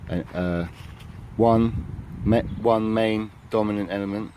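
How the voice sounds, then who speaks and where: A man's voice: on the low side, fairly even intonation, takes it slowly, mellow, a little hiss or hum. A man rambling through a spiritual vlog, filling his talk with tag questions, recorded outdoors on a handheld phone. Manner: rambling, filler-heavy, tags lines with "innit, yeah?". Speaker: vlogger. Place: outdoors in an urban area. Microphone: handheld phone camera.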